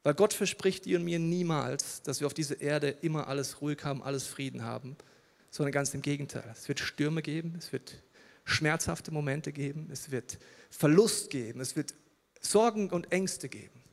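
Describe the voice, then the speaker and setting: Middle-aged male pastor, lively sermon delivery, slightly high voice, long hall reverb. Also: moderate pace, creaky. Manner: lively, swings from loud to hushed, talks to listener directly.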